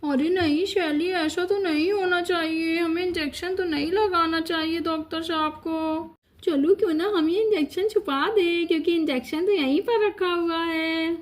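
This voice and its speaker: Woman doing a timid high little girl. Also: fairly even intonation, normal speed. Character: little girl patient Mini, timid sidekick.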